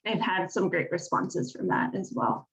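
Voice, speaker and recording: A woman's voice: on the low side, expressive, moderate pace, poor audio. A woman answering as a graduate student panelist, talking in a chatty way with many fillers.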